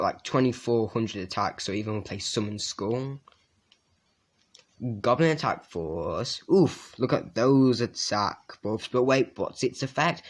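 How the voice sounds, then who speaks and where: A man casually reviewing a trading card deck, reading card names aloud and adding quick asides with fillers. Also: fairly low pitch.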